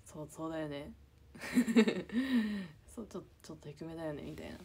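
A young woman chatting casually on a livestream just after waking, with a slightly low, husky voice that often drops to a near-whisper. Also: expressive, normal speed, darkish tone. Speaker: idol livestreamer reading comments.

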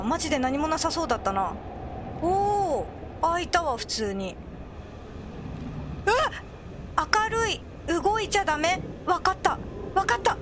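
A woman commentating on a horror game as she plays, excitable and prone to crying out when scared. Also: very high-pitched, background noise. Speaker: video game player.

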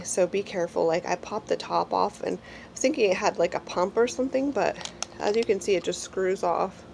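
A woman in her forties, nasal and congested from a cold, casually rambles through a beauty product review at home, filling gaps with lots of fillers. Her voice sits on the low side, gravelly and a little mellow. There's a bit of hiss or hum in the small indoor room recording.

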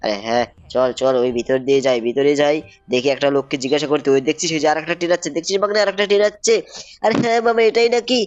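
A young man giving excited gameplay commentary, repeating himself and calling out to viewers. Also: fairly high pitch, rapid-fire, highs cut off, a little hiss or hum. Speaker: gaming YouTuber.

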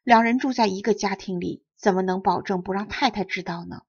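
A woman storyteller reading a fairy-tale audiobook in a clear, measured way, with a husky voice. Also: mid-range voice, darkish tone, muffled recording.

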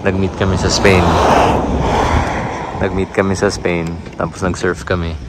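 A man's voice: low voice, little pitch movement, moderate pace. Upbeat Filipino man on a travel vlog. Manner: upbeat, curious, switches between languages. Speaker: chef and travel vlogger host. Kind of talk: casual travel vlog chat. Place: outdoors by a roadside and among cactus. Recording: loud outdoor noise behind.

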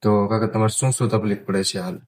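A man interviewing for a charity, asking gentle, slow questions. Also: lowish voice, steady tone.

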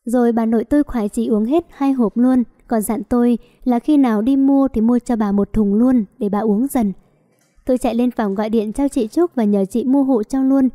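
A woman's voice: on the high side, moderate pace. Woman reading a story. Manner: lively first-person storytelling. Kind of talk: storybook narration.

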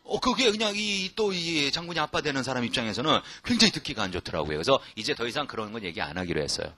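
A man who speaks Korean as his first language teaches English in a casual, joking way, and his pitch swings widely as he talks. His tone is bright and forward. The sound is close and dry, with no room echo. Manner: lively, joking, repeats phrases slowly and spells them out letter by letter. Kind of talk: casual spoken English lesson.

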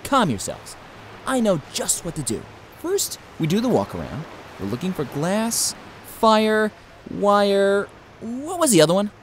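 A woman's voice: medium pitch, big pitch swings, a little slow, slight background noise. A woman voicing a cocky, bossy male dachshund lifeguard in a scripted comic voice-over. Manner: bossy, self-satisfied. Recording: voice-over with loud music.

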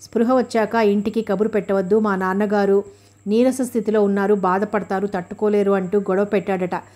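A woman reads a novel aloud as an audiobook narrator, her voice sitting at an ordinary middle pitch. She voices the dialogue of every character without putting on new voices, keeping a calm, even storytelling delivery. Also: a little fast.

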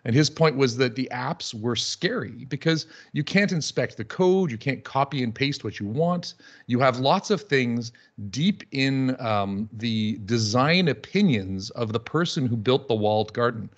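A man's voice: mid-range voice, animated, measured pace. Witty man talking over a muffled video call. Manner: witty, conversational, with fillers. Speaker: panelist. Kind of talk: conference talk on a video call.

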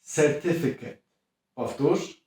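A man teaching English pronunciation, drilling words slowly and clearly and prompting the listener to repeat. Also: on the high side, darkish tone. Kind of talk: pronunciation lesson. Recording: very echoey room, heard from a distance.

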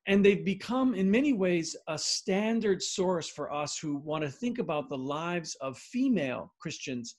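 A man's voice: fairly high pitch, darkish tone. An older man introducing a scholar and asking questions over a video call, gracious and hesitant with many restarts. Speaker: interviewer. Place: home study lined with bookshelves.

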